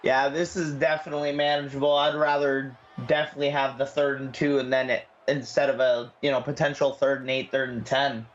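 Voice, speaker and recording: A man doing color commentary for an online football game, offering relaxed analysis with a bit of self-deprecation. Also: medium pitch, a little fast, hardly any pauses, highs cut off. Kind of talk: sports commentary.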